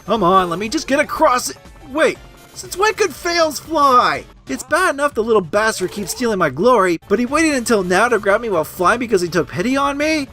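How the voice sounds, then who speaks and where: High-pitched raging gamer man, sharp and ranting. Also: lively intonation, quick pace, hardly any pauses, faint music behind. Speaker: video game reviewer. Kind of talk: comedic angry gamer parody review, scripted narration with outbursts.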